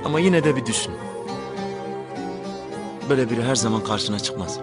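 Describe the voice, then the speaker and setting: An actor in a TV drama playing a caring young man who speaks gently and measuredly to his older sister. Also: mid-range voice, animated, moderate pace, loud music behind the voice, close to an everyday voice. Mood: gentle. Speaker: younger brother. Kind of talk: TV drama acting.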